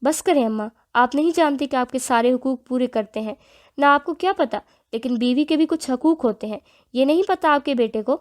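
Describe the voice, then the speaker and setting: Woman doing angry young wife, defiant, sharp indignant tone, higher voice, audio novel. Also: few pauses, lightly acted. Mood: furious.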